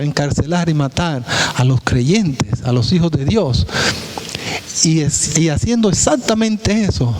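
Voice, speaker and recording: Male pastor preaching in church, emphatic, asks the room questions, slightly high voice. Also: background noise. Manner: preaching with rhetorical questions to the congregation; emphatic, pitch dropping on key words. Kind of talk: sermon.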